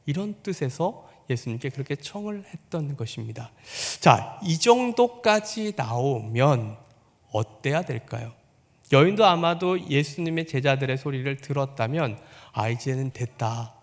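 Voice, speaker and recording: A man's voice: expressive, a little slow, long reverb tail. A man preaching a sermon as pastor, putting on the voices of the people in the story and asking his congregation questions. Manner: acts out quoted voices with rising pitch and volume.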